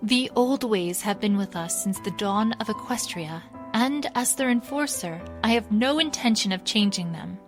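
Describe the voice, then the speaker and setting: Woman acting Princess Celestia, regal and measured. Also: mid-range voice, animated, faint music behind, close to an everyday voice. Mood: regretful, firm. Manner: measured, formal, soft. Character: regal, composed, gracious pony princess ruler. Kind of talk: fan fiction audio drama.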